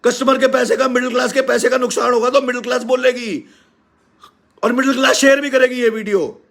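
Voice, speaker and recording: A man with a Haryanvi accent delivers a heated live-stream rant. His voice sits very high and has a gravelly, creaky edge. He talks loud and scolding throughout. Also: steady tone, a little fast. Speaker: live-stream host and teacher.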